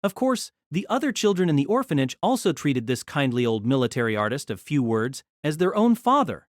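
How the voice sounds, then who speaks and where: A fairly high, highly varied male voice narrates a fantasy novel for an audio drama at a steady, measured pace. It's recorded up close and dry, with no room sound and no echo at all.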